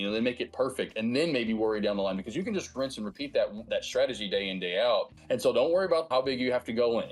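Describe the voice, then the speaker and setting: A man hosting a call-in show and giving casual coaching advice. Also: lowish voice. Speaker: trading show host and coach.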